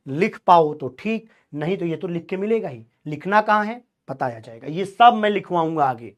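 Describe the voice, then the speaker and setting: A male chemistry teacher lecturing a class, drilling students with call-and-response questions in a colloquial, teasing way. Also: high voice.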